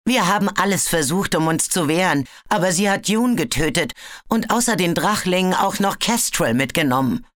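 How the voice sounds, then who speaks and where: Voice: mid-range voice, expressive, normal speed, a bit bright, no room sound, studio quality, voice pushed up, lightly acted. A storybook narrator voicing a nervous male dragon who stammers and hesitates. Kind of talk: audiobook character voice.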